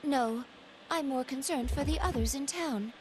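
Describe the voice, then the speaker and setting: A woman voicing a polite, earnest female android with a measured, formal delivery, with game music behind. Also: sits high, heavy background noise. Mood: calm.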